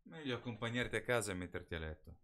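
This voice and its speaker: A man as a calm, caring young man. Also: fairly low pitch, fast talker, pitched above the performer's own voice. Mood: gentle.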